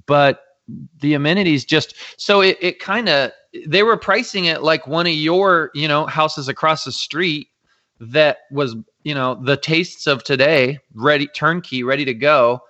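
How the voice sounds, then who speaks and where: A man co-hosting a casual podcast, chatty and animated, with frequent restarts. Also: on the high side, a little slow, lo-fi sound. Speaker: podcast co-host, real estate agent.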